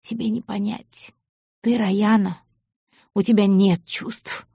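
A woman voicing a bitter, devoted young servant girl with a hushed, hoarse voice, in an audiobook. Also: medium pitch, fairly even intonation, slow pace, dry recording, lo-fi sound, heavily acted. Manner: sullen, whispering.

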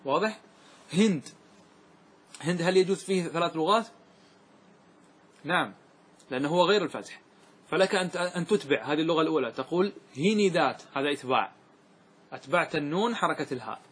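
Husky guy teaching grammar to a class, keeps asking if they got it, kinda high voice. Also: animated, quick pace, long pauses. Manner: keeps checking students follow, asks them questions; repeats examples and recites verses in a raised voice. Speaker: Islamic scholar teaching Arabic grammar. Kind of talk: classroom lecture explaining a grammar poem.

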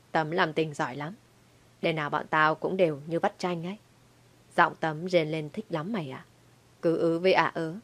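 A woman voicing a scheming, drunken young husband who talks in a coarse, abusive way. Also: low-pitched. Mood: taunting.

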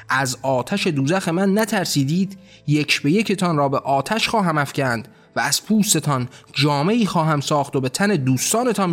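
A raging, tyrannical god rants and roars threats at his court, as a man puts him on. The voice sits somewhat high, and soft music plays beneath it. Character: wrathful tyrannical male god ruler.

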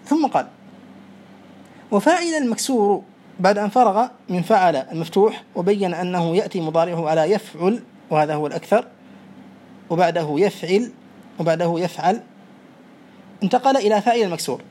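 A teacher giving a classroom lesson, who recites verse lines, explains them with examples, repeats key rules slowly, and quizzes students. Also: medium pitch, warm tone. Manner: quizzes students and praises answers. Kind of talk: classroom lesson on Arabic morphology.

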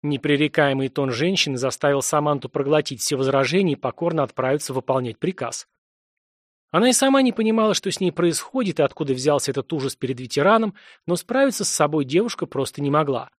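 A man reads a fantasy novel aloud in steady, scripted narration. His voice sits a little above the usual male range. The recording is dry and close, with no room sound. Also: a little high, fast, dry recording. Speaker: audiobook narrator.

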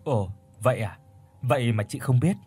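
A man's voice: medium pitch, moderate pace, warm tone, husky, soft background music. A man voicing a frightened young woman who trembles and stammers in a spoken horror story. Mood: curious.

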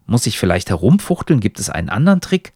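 Man playing a grumpy sarcastic guy, lower voice, lively pitch, dry recording. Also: fast, husky, no room sound, heavily acted. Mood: grumbling. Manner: grumbling, sarcastic.

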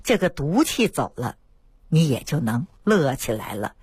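A woman traditional Chinese medicine doctor, giving a lively radio health talk and acting out her patients' words. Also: sits low, a little slow, slightly rough, no room sound. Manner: lively storytelling, acts out patients' quoted words. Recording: dry radio studio.

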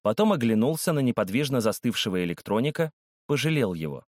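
A man's voice: medium pitch, very animated, fast, darkish tone, no room sound, studio quality. A man narrating a children's storybook aloud, doing all the character voices.

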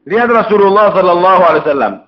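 A man's voice: high-pitched, animated, very fast. A man preaching a storytelling sermon, slipping into dialogue as he retells a scene. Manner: storytelling sermon, mixing Javanese words into Indonesian, acting out dialogue. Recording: dull lo-fi recording.

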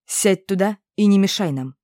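A woman's voice: lowish voice, animated, unhurried, warm tone, dry recording, studio quality. A woman voicing a smug, falsely kind witch who gives orders and coldly soothes her victim. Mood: commanding.

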